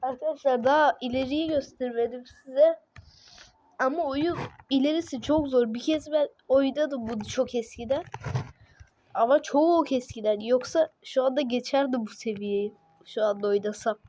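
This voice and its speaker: A woman commentating her own gameplay in a let's play video, exclaiming at each move and venting her frustration out loud. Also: high voice, normal speed, muffled recording. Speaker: gaming video host.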